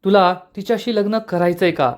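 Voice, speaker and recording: A man's voice: high voice, moderate pace, close to an everyday voice. Raja, a man voicing a cocky teasing friend. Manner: teasing, boastful.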